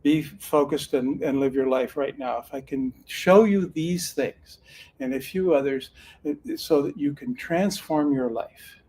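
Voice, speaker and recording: An older man from Northern California, a retired sheriff's officer who now does card readings, tells his story in an earnest, folksy way, often restarting sentences. His mid-range voice is warm and a little slow, with slight background noise.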